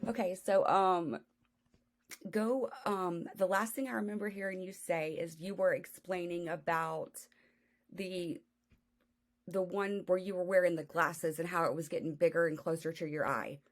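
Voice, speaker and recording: A woman's voice: fairly low pitch, fairly even intonation, moderate pace. A woman hosting a podcast over a video call, chatting frankly, swearing freely and laughing often. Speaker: podcast host. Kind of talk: casual chat.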